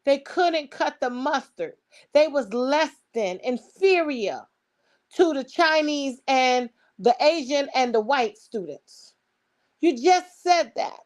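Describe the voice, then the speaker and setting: A woman's voice: high-pitched, expressive, slow pace, a little mellow. A woman with a Brooklyn accent giving opinionated commentary, speaking emphatically and informally. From Brooklyn, New York. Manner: emphatic, rhetorical questions, swearing.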